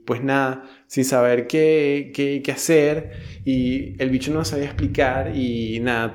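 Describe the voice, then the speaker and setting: A man's voice: medium pitch, a little mellow. Young Venezuelan man, casual storyteller, slangy and profane, rambles with restarts.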